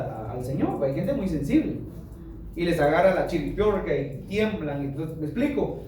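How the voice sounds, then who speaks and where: A pastor, preaching a sermon in a colloquial, animated way and acting out quotes, recorded in a church hall. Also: male voice, sits high. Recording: echoey room, distant mic, faint noise.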